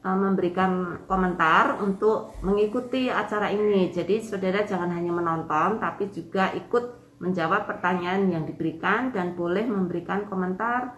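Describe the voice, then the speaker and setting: A woman's voice: medium pitch, moderate pace, a bit bright. A woman hosts an online Bible study in a casual way. Her voice comes through a face mask as she recovers from a cough. The sound is roomy and echoing. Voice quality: slightly muffled, speaking through a face mask. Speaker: co-host.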